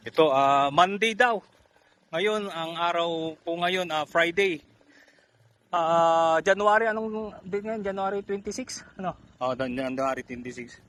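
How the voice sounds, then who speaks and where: A man promoting a fertilizer while walking through an onion field, excited and out of breath, talking to farmers watching. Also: a little high, unhurried. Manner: excited, keeps pointing out crop size.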